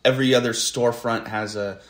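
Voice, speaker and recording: A man with a General American accent, co-hosting a casual podcast, reflective and halting as he thinks aloud. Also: medium pitch, steady tone. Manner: reflective, halting, many restarts. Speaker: podcast co-host. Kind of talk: casual conversation.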